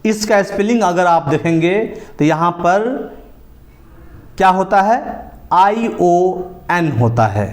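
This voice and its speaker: Guy with a high voice teaching english sounds, super slow, spells stuff out and says it all twice. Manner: repeats each point slowly, drawing out letters and falling at phrase ends. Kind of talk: spoken lesson, spelling words out letter by letter.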